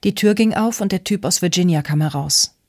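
Audiobook narrator, steady scripted reading, mid pitch, dry studio. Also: a little fast, dry recording.

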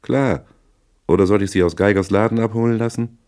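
A man voicing a shifty small-time male crook who answers gruffly and defensively. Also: on the low side, steady tone, fairly quick, a little mellow, pitched above the performer's own voice, lightly acted. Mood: evasive. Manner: gruff, grumbling replies.

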